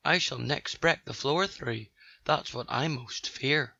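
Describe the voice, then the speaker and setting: A man's voice: medium pitch, takes it slowly, gravelly, bright, forceful tone, dry recording, highs cut off, exaggerated voice. A man voicing a bold, cheeky young girl in a storybook reading. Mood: pert.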